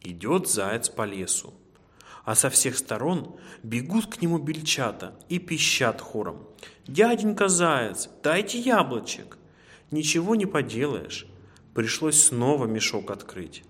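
A man tells a children's fairy tale in a lively, expressive storytelling voice of ordinary pitch. The reading sits in a room with a clear trailing reverb. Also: unhurried. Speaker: narrator. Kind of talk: storybook narration.

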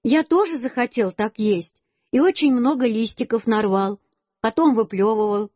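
A woman reading a children's story aloud, slow and expressive in a childlike storytelling manner. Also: on the high side, dry recording. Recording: dull lo-fi dry recording.

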